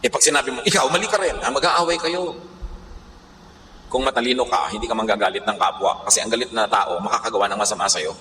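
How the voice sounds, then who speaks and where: Bright-voiced Filipino pastor preaching in an echoey hall. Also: male voice, lowish voice, quick pace, slight background noise. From Philippines. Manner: preaching in mixed Tagalog and English, acting out quarrels. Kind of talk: sermon. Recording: echoey hall with faint ambience.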